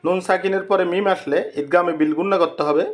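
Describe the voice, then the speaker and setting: A man teaching Quran recitation rules step by step, repeating each example and drawing out the Arabic words slowly. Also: high-pitched, fairly even intonation. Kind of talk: slow step-by-step tajweed lesson.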